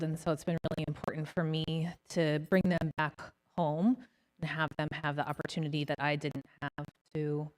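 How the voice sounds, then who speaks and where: A woman from California speaking on a conference panel, reflective and halting with frequent fillers. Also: low voice, a little mellow, poor audio. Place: large conference hall stage.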